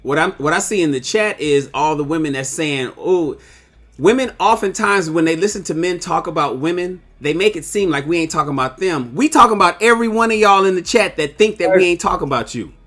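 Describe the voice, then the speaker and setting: Emphatic high-voiced man. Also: lively intonation, fast, few pauses, bright, forceful tone. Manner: emphatic, calls out listeners directly. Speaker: podcast co-host. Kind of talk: heated panel discussion.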